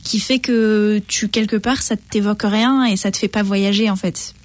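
A woman's voice: mid-range voice, steady tone, no room sound. Thoughtful woman, dry close sound. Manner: thoughtful, agreeable, measured. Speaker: conversation partner. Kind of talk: casual conversation.

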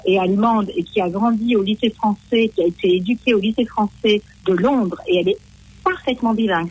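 Chatty middle-aged Frenchwoman, husky voice. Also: medium pitch, dry recording, poor audio. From France. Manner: chatty, hesitant, frequent fillers and restarts. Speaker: French woman living in New Zealand. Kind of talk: casual conversation.

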